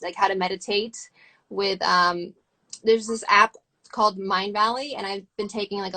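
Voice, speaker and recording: A woman's voice: medium pitch, gravelly, pushed and bright. A woman chatting casually on a live video call from home, rambling with lots of "like" and acting out little quotes. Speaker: guest on a livestream chat. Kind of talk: casual chat. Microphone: phone on a live video call.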